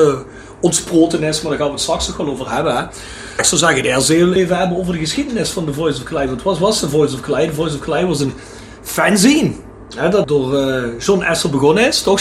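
Joking male podcast co-host, slightly high. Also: roomy sound, a little hiss or hum. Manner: joking, teasing, reads plugs briskly. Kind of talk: casual podcast chat and sponsor reads. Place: studio table with guests.

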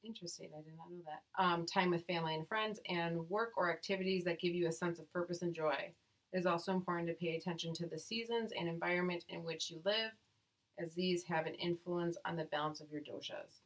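A woman's voice: lowish voice, fairly even intonation, fairly quick. A woman co-hosting a podcast, casually reading results aloud with playful, profane jokes in between. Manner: playful, profane, jokey asides. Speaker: podcast co-host.

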